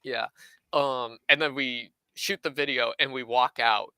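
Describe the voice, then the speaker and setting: A man in his twenties, a podcast guest, telling an animated anecdote and acting out what others said. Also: medium pitch, measured pace, smooth, dry recording, rough recording. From Southern California. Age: 20s. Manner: animated anecdote teller, acts out quoted voices. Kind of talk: casual storytelling chat.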